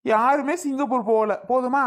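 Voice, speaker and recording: A woman's voice: high voice, fairly even intonation, moderate pace, natural voice. A woman voicing a young adult son in a cartoon, easygoing as he explains a family prank. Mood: explaining.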